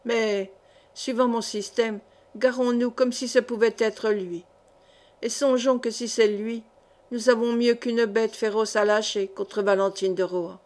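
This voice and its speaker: A woman reading the part of a cunning, sneering middle-aged male seneschal in an audiobook, in a measured, calculating way. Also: a little high, fairly even intonation, a little mellow, natural voice. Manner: sly, sneering.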